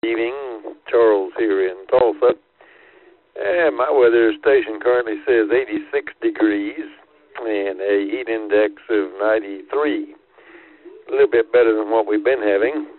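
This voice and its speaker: Male amateur radio caller, slightly deep, relaxed casual reporting, heard over a thin radio transmission. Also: unhurried, no room sound. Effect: two-way radio transmission. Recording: tinny, narrow radio transmission.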